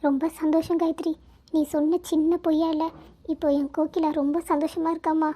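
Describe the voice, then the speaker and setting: A woman's voice: sits high, little pitch movement, a little fast, mellow, natural voice. A woman voicing a caring, worried older mother. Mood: grateful. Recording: dull lo-fi recording.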